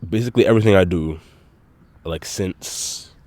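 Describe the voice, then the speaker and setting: A man's voice: sits low, moderate pace, a little mellow, no room sound. A young man with a congested, nasal voice, rambling casually and swearing often as he hosts his own podcast. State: congested nose. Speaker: solo podcast host.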